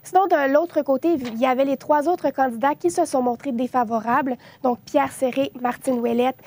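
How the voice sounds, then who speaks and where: A young woman delivers a news report on social media reactions. Her voice sits quite high, and she stumbles and fills pauses often as she goes. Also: darkish tone. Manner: hesitant, many filler sounds.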